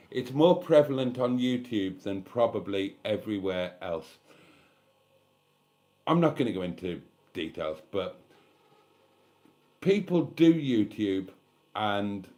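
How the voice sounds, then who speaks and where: Male streamer, 50s, mid-pitched, frank and foul-mouthed, drifts off on tangents while reading comments. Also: dark tone. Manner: blunt, candid and sweary, rambling asides. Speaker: livestream host. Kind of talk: casual live-stream chat reading comments.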